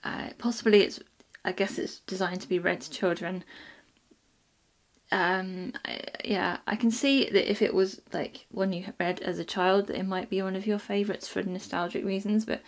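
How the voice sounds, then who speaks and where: A woman's voice: medium pitch, fairly even intonation, normal speed. Chatty woman reviewing books. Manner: chatty, many ums and restarts. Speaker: book reviewer. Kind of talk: casual book review vlog.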